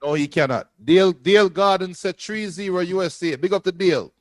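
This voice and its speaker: A man co-hosting a football watch-along, joking and giving shout-outs to viewers. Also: sits high, a little fast, dry recording. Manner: jokey, reads out viewer shout-outs, laughs often.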